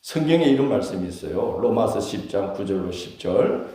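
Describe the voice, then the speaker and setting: A man with a Gyeongsang accent delivers a Sunday sermon, often turning to the congregation with questions. His voice is mellow and warm, and his pitch moves a lot. The sound rings heavily around a large church sanctuary. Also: expressive, moderate pace. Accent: Gyeongsang Korean. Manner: conversational preaching with questions to the congregation. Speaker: pastor. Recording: very echoey church hall.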